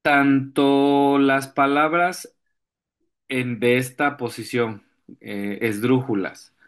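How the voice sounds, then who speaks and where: Male teacher, mid-range voice, very slow and deliberate delivery, pauses to hunt for examples, clears throat often. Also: mid-range voice. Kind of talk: virtual class lesson.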